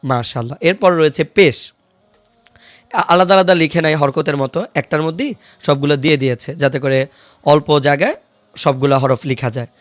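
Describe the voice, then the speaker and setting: A fairly high-voiced man teaches a beginner's Quran reading class, sounding out each letter and vowel mark slowly and repeating it. The recording is close and dry, with no room sound. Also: no echo. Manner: patient, repeats each syllable slowly for students to follow. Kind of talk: online recitation lesson.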